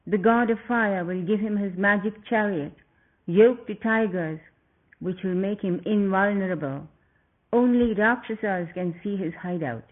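A man's voice: high voice, measured pace. A man doing a stern righteous demon uncle. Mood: urgent. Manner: stern, scolding. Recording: tinny phone-like audio.

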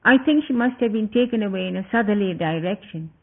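A man's voice: sits high, fast, vocal fry. A man doing an earnest, loyal younger brother. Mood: urging. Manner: earnest, urging. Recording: tinny phone-like sound.

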